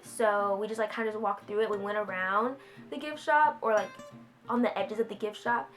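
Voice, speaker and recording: A woman's voice: medium pitch, moderate pace, faint music behind. A teenage girl telling a story to her vlog audience, giggling often and packing her talk with fillers. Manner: giggly, excitable, filler-heavy retelling. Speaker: vlogger.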